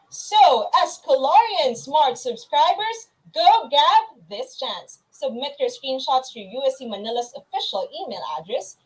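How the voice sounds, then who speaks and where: A woman's voice: high voice, rough recording. A young woman with a Filipino accent co-hosts an online student event in a hyped giveaway-announcer manner. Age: young adult.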